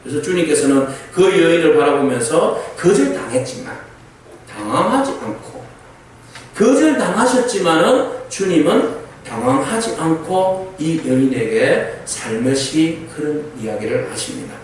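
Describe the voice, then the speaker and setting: A man's voice: fairly high pitch, animated, a little slow, a little hiss or hum. A male pastor preaching a sermon and asking the congregation rhetorical questions. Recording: very echoey church hall, distant mic.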